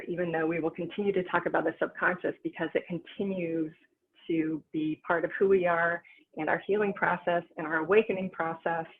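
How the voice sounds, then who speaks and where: Woman, spiritual teacher, relaxed storytelling delivery; phone-quality audio. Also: on the low side. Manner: calm, chatty, laughs while telling stories. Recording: tinny phone-like line with faint noise.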